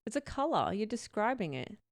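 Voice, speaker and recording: A young woman, giving blunt, deadpan answers and swearing casually. Her voice has a gravelly, fry-heavy edge. The recording is dry and close. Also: medium pitch, fairly quick, no room sound. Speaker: podcast co-host answering questions. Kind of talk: casual chat.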